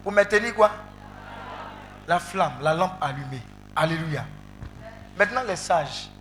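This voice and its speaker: A male preacher leading an interactive sermon, calling out to the congregation and breaking into loud exclamations. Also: fairly high pitch, a little slow, soft background music. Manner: animated, calls out to the congregation, bursts into loud exclamations. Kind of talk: interactive sermon with call and response.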